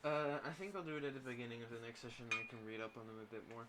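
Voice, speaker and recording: Foul-mouthed guy gaming with friends, mid-pitch voice, people talking behind him. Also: rapid-fire, crowd noise. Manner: blunt, swears a lot, exasperated outbursts. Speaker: player. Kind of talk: casual chat during a tabletop game.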